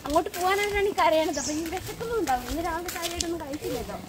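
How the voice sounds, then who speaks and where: A woman's voice: very high voice, expressive, very fast. A young mother chatting in a casual vlog, coaxing her little child and narrating a walk through a cardamom plantation. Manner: coaxing baby talk mixed with chatty narration. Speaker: mother vlogger. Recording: noisy outdoor ambience.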